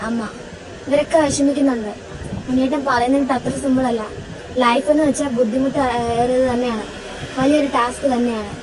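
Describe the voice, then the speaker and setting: A woman's voice: high-pitched, lightly acted, rough recording. A woman playing an earnest young woman in a home audio drama, steadily reasoning and persuading. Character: earnest young woman pleading with her elder. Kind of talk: amateur audio drama acting. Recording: recording with crowd noise behind.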